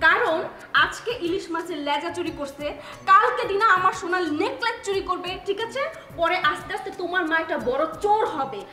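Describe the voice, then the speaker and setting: A woman's voice: very high voice, animated, fairly quick, pushed and bright, roomy sound, exaggerated voice. An actress playing a scheming young wife who accuses her mother-in-law and threatens to leave. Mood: indignant. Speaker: elder daughter-in-law. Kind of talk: village TV drama acting.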